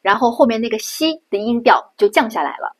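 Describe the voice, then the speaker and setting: A middle-aged woman from China explains pronunciation step by step, repeating each sound patiently. Her voice sits slightly high and has a husky, breathy edge. She talks like a teacher guiding beginners. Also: expressive. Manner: patient, demonstrating sounds slowly and repeating them. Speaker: Japanese language teacher. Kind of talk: pronunciation lesson.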